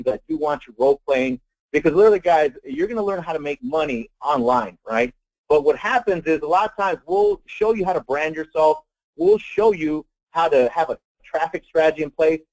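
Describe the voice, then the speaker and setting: Higher-pitched American salesman, dull lo-fi sound. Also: lively intonation, normal speed, a little mellow, no room sound. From Texas, United States. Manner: emphatic sales pitch, folksy, addresses listeners directly. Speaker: marketing trainer. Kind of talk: live online sales training. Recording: dull lo-fi web conference audio.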